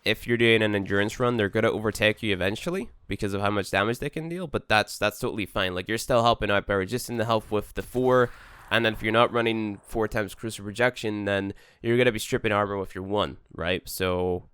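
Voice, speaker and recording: A man's voice: fairly low pitch, fairly quick, fairly bright tone, clear, resonant tone, dry recording, clean studio sound. Sleepy laid-back man explaining a game. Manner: laid-back and rambling, with many fillers. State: sleepy, just out of bed. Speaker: gaming YouTuber. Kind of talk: casual game tutorial commentary.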